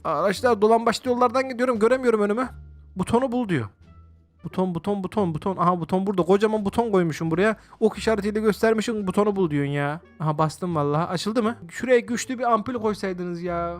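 Excitable high-voiced man narrating a game. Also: no echo. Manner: excitable, exclamatory, talks to viewers. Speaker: gaming video host. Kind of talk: let's-play game commentary.

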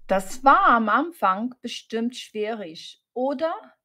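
A woman speaks as a teacher in a scripted learning dialogue, slow and carefully paced. Her voice sits fairly high and rises and falls a lot. She asks each question clearly, with an inviting lift. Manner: clear, repeated phrasing with lively questions.

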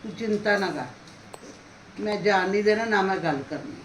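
A woman playing a middle-aged aunt in a homemade family drama, speaking in a quiet, consoling way. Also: mid-range voice, moderate pace, close to an everyday voice. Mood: soothing. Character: middle-aged aunt, soothing, indignant at relatives. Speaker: paternal aunt in a family skit. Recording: echoey room, faint hiss.

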